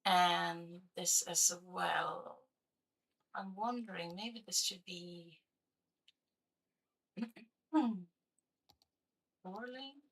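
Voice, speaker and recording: Slow-talking woman streamer with a cracking voice. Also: lowish voice, fairly bright tone, slightly rough. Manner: chatty, talks to viewers while building. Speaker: game streamer. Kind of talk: casual live-stream chat while playing.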